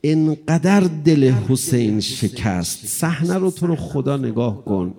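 Gravelly-voiced man preaching a mourning sermon. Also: mid-range voice, expressive. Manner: impassioned, swinging from hushed to loud.

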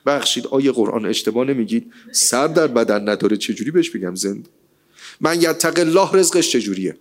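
A man giving a lively, colloquial sermon, asking rhetorical questions and reciting scripture. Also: medium pitch. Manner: rhetorical, animated, quotes scripture. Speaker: religious speaker.

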